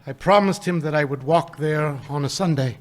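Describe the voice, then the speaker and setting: Man doing a soft-spoken grieving dad, tender, kinda choked up, a bit high voice. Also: moderate pace, a little hiss or hum, lightly acted. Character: gentle poor father grieving his little son. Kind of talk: live radio play acting.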